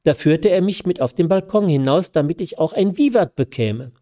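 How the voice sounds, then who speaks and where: Man voicing a cheerful gentle young woman. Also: fairly high pitch, animated, moderate pace, voice pushed up, natural voice. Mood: cheerful, tender. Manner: lifted, lilting storybook voice. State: scratchy throat.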